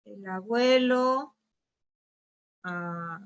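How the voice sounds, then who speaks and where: A woman's voice: medium pitch, drawn-out words, clear, resonant tone, dull audio. A woman teaching a grammar lesson over slides. She explains patiently and keeps checking with her students. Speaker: Spanish teacher.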